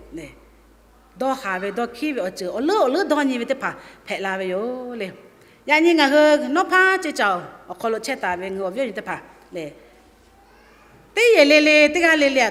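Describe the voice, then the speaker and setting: A woman's voice: high voice, bright, forceful tone. A woman preaching a sermon in a church service. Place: church hall. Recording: long hall reverb.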